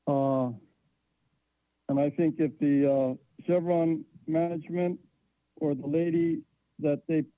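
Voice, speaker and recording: A man phoning in to a public meeting over a crackly line that breaks up with static, speaking haltingly with many hesitations. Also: on the high side, fairly even intonation, no echo. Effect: crackly phone line with static, breaking up. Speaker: caller giving public comment at a city council meeting. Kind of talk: public comment by phone. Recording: tinny dry phone line.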